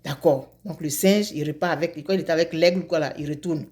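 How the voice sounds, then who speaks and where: A woman from Côte d'Ivoire telling a folk tale aloud in a lively, repetitive manner, often dropping to low asides. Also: a little fast. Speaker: storyteller.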